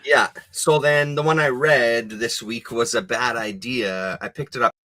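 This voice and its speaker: A man co-hosting a casual livestream chat over a video call, relaxed and rambling, now and then swearing offhand. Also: medium pitch, unhurried, no echo. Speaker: co-host.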